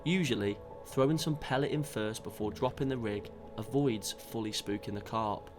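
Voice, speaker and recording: A man calmly narrating a fishing trip in a measured, scripted voice-over. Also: lowish voice. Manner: calm, measured storytelling. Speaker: fishing vlogger. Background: background music.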